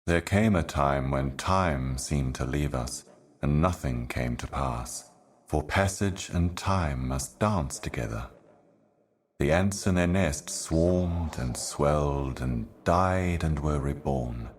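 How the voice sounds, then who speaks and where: In a scripted video game monologue, a male voice of very deep pitch plays an ancient, ageless, otherworldly envoy, a weary eternal servant of cosmic darkness. His cryptic, poetic narration is unhurried, grave, brooding, measured and portentous, with an ominous mood.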